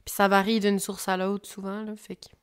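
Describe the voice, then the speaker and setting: A Québécois woman co-hosts a casual podcast. She speaks at an ordinary, mid-range pitch. She mostly chimes in with brief reactions and quick, loose asides. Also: level tone, clean tone. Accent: Québécois French. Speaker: podcast co-host.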